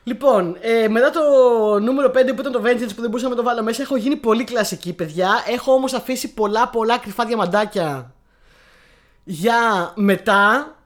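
A woman co-hosting a podcast, chatting enthusiastically about films. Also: fairly high pitch. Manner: chatty, enthusiastic, laughs easily. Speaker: podcast co-host. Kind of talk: casual chat about films.

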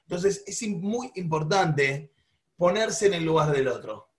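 Man, Rioplatense accent, high pitch, animated classroom lesson. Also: a little slow. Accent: Rioplatense Spanish. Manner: animated, asks the class questions, acts out quarrels. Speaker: teacher.

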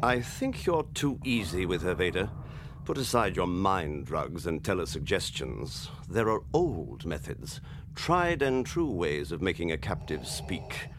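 An actor playing an imperious, scornful and ambitious imperial governor in a radio drama, with a haughty, deliberate, formal way of speaking. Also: male voice, sits low, big pitch swings, heavily acted. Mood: scornful, impatient. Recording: noisy ambience behind the voice.

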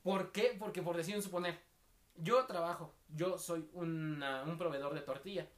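A man's voice: fairly high pitch, moderate pace. Young mexican guy on a podcast, slangy storytelling, does little voices for the people in his stories. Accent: Mexican Spanish. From State of Mexico. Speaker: podcast co-host. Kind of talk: casual podcast chat.

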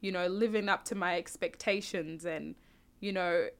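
Reflective young woman, smooth clear voice. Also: fairly low pitch, steady tone, moderate pace. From South Sudan. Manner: reflective, thinks aloud with restarts and "you know". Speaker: interviewee. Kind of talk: casual conversational interview.

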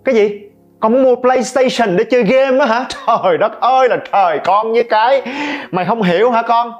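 A man's voice: extremely high pitch, brisk, lo-fi sound, faint music behind, voice pushed up. A man playing an easygoing father who teasingly pushes his son to go beg his mother instead. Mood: mock surprise. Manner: teasing, chummy, eggs the child on. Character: easygoing dad dodging a son's request.

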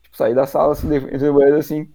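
Dude, dark mellow voice, slangy rambling podcast storytelling. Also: male voice, on the high side, little pitch movement, rapid-fire, gravelly. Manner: slangy, rambling, lots of fillers. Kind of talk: casual storytelling chat.

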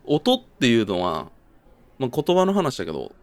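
A man's voice: mid-range voice, huge pitch swings, moderate pace, no room sound. A young man with a Kansai accent, chatting casually as a podcast co-host, explaining his thoughts in an agreeable way. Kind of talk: casual chat.

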